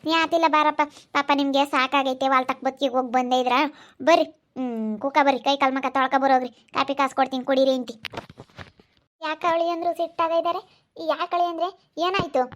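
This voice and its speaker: A woman's voice: high voice, fairly even intonation, brisk, lightly acted. A woman playing a preachy village aunt. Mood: consoling. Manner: preachy, consoling, lecturing. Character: older village aunt who gives moral advice. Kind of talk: amateur village drama acting.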